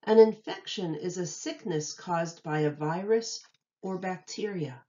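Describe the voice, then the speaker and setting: Reading a children's book aloud like a teacher, a woman speaks in a slightly low, warm voice. Every phrase is pronounced carefully and deliberately for young listeners, on a recording that is a little dull and lo-fi.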